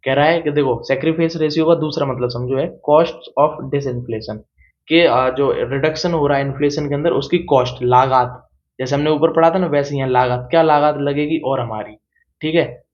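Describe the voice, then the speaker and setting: A young man tutoring economics for exams, explaining in Hindi and reading English points slowly, with frequent "theek hai" checks. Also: a little high, a little mellow. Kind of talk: exam-prep lecture. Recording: dull lo-fi sound.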